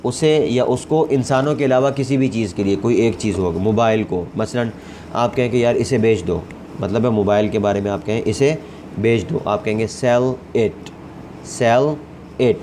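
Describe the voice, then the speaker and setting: A man whose first language is Urdu, teaching an English lesson. He repeats each word slowly several times and then gives its meaning. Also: lowish voice, dark tone, slight background noise. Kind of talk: slow vocabulary and grammar lesson.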